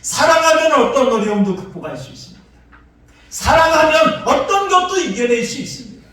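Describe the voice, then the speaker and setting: A male pastor delivers a sermon in an emphatic, repeating cadence. His voice sits very high and rises and falls with wide swings. The sound comes from some distance off and rings around a large, reverberant church hall. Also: very animated, brisk, sharp tone. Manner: emphatic, repetitive preaching cadence. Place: church sanctuary. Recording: echoey church hall, voice from afar.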